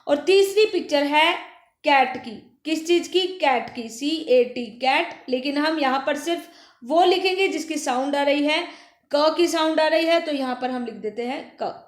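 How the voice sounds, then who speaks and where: Woman schoolteacher for a children's phonics lesson; high voice, patient repeat-after-me delivery, roomy echo. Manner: asks questions and answers them herself, repeats words slowly. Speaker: teacher. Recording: echoey room.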